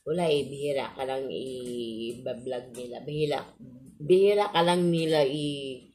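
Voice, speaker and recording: A Filipino woman with a low-pitched voice chats casually to her viewers. Her speech is slow and halting, shaped by missing front teeth. She is polite and often repeats her words. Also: darkish tone. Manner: polite, halting, with frequent repetition. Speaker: vlogger.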